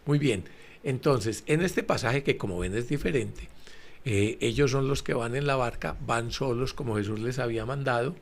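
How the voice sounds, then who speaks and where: A man presenting a Bible commentary in a relaxed, conversational way, explaining slowly with many fillers and repetitions and speaking straight to his listeners. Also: medium pitch, gravelly. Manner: addresses listeners directly.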